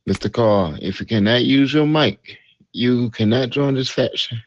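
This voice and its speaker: A man's voice: mid-range voice, measured pace, no echo. A man acting as a police recruiter in a roleplay game, giving curt, repeated commands. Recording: muffled voice chat with faint noise.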